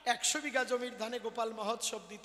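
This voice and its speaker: A hoarse man with a rural Bengali dialect, preaching at a folk devotional gathering, telling stories and swelling into drawn-out sung calls. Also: very high-pitched, fairly even intonation, pushed and bright, in a large hall. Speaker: kobigaan singer-preacher. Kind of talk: folk devotional storytelling sermon.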